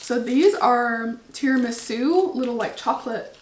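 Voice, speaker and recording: A woman's voice: on the high side, unhurried, echoey room, a little hiss or hum. A woman hosting a snack taste test in casual chat, bubbly and enthusiastic. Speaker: host.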